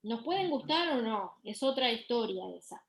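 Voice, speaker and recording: A middle-aged woman lectures on music therapy. Her voice sits a little high, and she explains step by step, pausing on fillers and restarting phrases. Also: lively intonation, poor audio. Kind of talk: university lecture.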